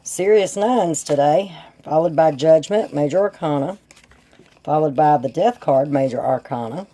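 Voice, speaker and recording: Low mellow lady w a stuffy sore throat, voice kinda breaking, casual tarot reader talking to her viewers. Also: a little slow. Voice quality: congested, thick sore-throat voice that breaks here and there. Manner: folksy, chatty, addresses viewers as guys. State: sore throat with sinus drainage, voice slightly off and breaking up. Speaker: tarot reader and channel host.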